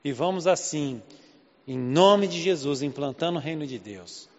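A fairly high-pitched man with a darkish tone preaches a little slowly, his intonation lively. He is a pastor from Southeast Brazil with that region's Portuguese accent, giving a conversational, question-laden sermon in a church hall with big-room sound and dull audio.

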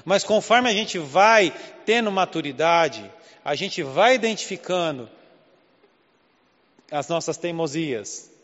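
The pastor, from Southeast Brazil, speaks slowly in a slightly high, somewhat bright voice with lively intonation. His conversational, question-filled sermon in Southeast Brazilian Portuguese echoes with big-room sound, though the audio is dull.

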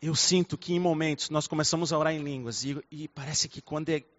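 A man preaching a fervent sermon, swinging between soft, intimate passages and loud, fiery ones. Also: a little high, fairly even intonation, a little fast. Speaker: pastor. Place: church hall. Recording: dull recording in a reverberant hall.

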